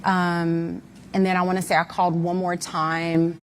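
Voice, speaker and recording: A woman's voice: on the low side, level tone, unhurried, over loud music. A mother giving an interview guest's candid, emphatic account of events, with many fillers.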